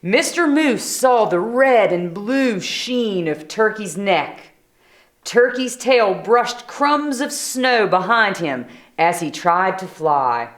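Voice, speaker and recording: A woman reading aloud a children's story in an animated style, adding brief chatty asides. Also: medium pitch, slow pace. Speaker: storybook reader.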